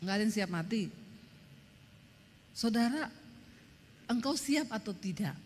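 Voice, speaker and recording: Woman preacher, emphatic sermon, mid pitch, reverberant church hall. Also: a little slow, slight background noise. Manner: emphatic, lively storytelling with acted quotes.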